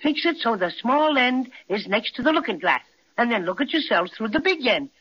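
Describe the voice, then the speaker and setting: An actor playing a tiny, cheerful, boastful toy bear with a chatty, fussy manner in a 1930s children's radio serial. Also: male voice, extremely high pitch, sing-song, a little fast, breathy edge, full character voice. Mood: helpful, eager. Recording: muffled old 1930s radio recording.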